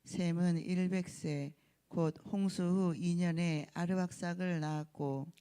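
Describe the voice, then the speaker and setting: A congregant reading scripture aloud in turn with a leader, in a steady, even manner. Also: medium pitch, a little slow, clean tone.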